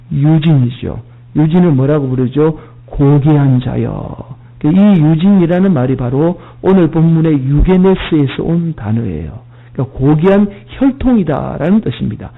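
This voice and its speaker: Male pastor, high pitch, sermon that quizzes the congregation, tinny lo-fi recording. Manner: asks the congregation questions, explains word meanings. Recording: tinny phone-like band.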